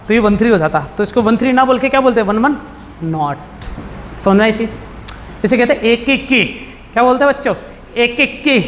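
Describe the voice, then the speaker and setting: A man's voice: very high-pitched, a bit bright. A male math teacher giving a casual classroom lecture, asking his students questions and answering them bluntly. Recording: hall reverb with faint background noise.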